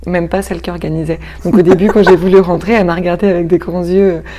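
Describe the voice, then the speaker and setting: A woman's voice: lowish voice, level tone, fast, muffled recording, very noisy. A woman actress and stage director talking in a casual interview, searching for her words with frequent restarts.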